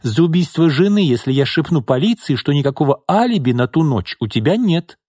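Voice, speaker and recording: A man's voice: sing-song, a little fast, warm tone, husky, dry recording, studio quality. A man reading an audiobook, voicing a furious, scheming young woman who screams and mocks. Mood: contemptuous. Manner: shrill, screaming, mocking.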